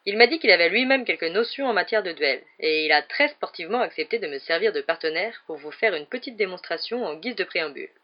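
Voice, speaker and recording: Reader putting on a boastful wizard teacher, high-pitched, loud, theatrical, dull lo-fi audio. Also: male voice, animated, fast, hardly any pauses. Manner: showy, loud, theatrical announcing. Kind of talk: audiobook character voice. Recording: dull lo-fi recording.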